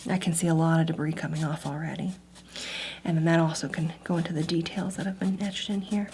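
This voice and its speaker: A woman speaks in a low-pitched soft voice, in an ASMR role-play as an antiques appraiser. She gently walks through instructions step by step, repeating small words softly. Clear background noise sits behind her voice. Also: fairly even intonation, fast talker.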